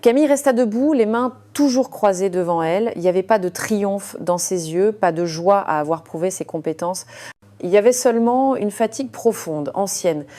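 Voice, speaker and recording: A woman's voice: mid-range voice, normal speed, warm tone. Woman narrating a story with fillers. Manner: hesitant, with frequent fillers.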